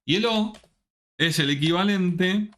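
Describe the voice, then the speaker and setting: A man's voice: sits high, fairly bright tone. A man teaching a live online programming class, checking in with the students at nearly every step. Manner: slow, checks in often with the students.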